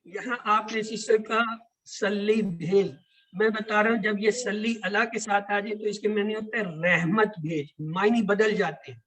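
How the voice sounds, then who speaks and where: A man's voice: sits high, fairly even intonation, a bit bright, poor audio. A man teaching an online Quran class, explaining words and asking the class questions. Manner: explains and asks questions, repeats key words.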